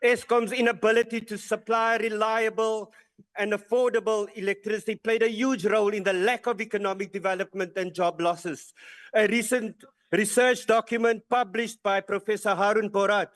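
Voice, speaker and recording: A man with a distinctly high voice delivers a prepared speech in a parliamentary debate. His delivery is declamatory and accusing. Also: fairly even intonation, normal speed. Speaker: member of parliament giving a speech. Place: parliament chamber podium.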